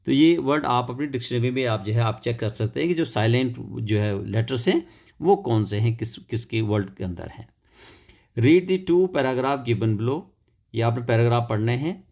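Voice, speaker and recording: A man's voice: medium pitch, fairly quick, creaky, a little mellow. A man teaching an English lesson, spelling words out letter by letter and checking in with students after each point. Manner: repeats words and adds "theek hai" checks. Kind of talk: classroom lesson explanation.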